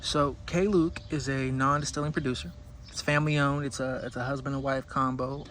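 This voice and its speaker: Male host, mid-pitched voice, informal opinionated commentary, thinking aloud, clearly noisy recording. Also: little pitch movement, a little fast, a bit bright. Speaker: whiskey review host. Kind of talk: casual solo commentary.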